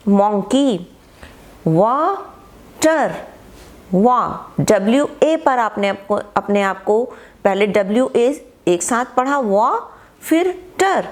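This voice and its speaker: A woman from northern India with a Hindi accent, teaching an English lesson and spelling words out slowly, syllable by syllable. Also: medium pitch. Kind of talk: slow spoken lesson.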